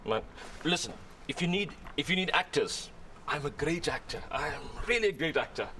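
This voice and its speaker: A man's voice: a little high, lively intonation, normal speed, bright, forceful tone, slight background noise. An actor playing a jovial man who keeps joking and teasing. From South Africa. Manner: joking, teasing, laughs often. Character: jovial South African Indian man, joking fixer.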